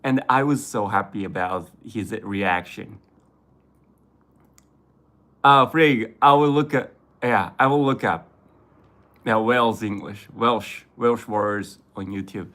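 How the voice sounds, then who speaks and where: A man from Japan with a Japanese accent chats on a livestream in English, his second language, talking slowly and unhurriedly. He halts and restarts his words often, and laughs easily between thoughts. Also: fairly low pitch, fairly bright tone. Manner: halting, self-correcting, laughs often. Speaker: vlogger reading live chat. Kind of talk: casual livestream chat.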